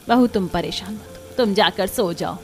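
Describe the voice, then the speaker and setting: A woman voicing a meek, sorrowful older mother-in-law in a cartoon, speaking softly and quietly. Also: medium pitch, moderate pace, faint music behind, lightly acted. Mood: subdued. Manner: soft and subdued. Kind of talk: cartoon voice acting.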